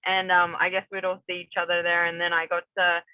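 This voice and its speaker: A woman's voice: lowish voice, completely flat delivery, a little fast, no echo. A young woman from New Zealand, an MMA fighter, chatting casually as an interview guest, rambling with many fillers and restarts. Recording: tinny phone-like remote call, dry.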